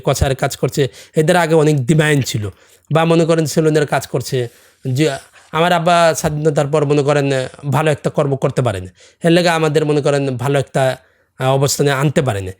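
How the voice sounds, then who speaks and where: Casting: middle-aged man, slightly higher voice, Hindi native speaker with a Bengali accent, earnest, keeps asking "understand?". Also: darkish tone. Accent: non-native Bengali, from a Hindi-speaking camp community. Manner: earnest, presses with rhetorical questions like "understand?". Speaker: podcast guest, salon owner. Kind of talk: casual chat.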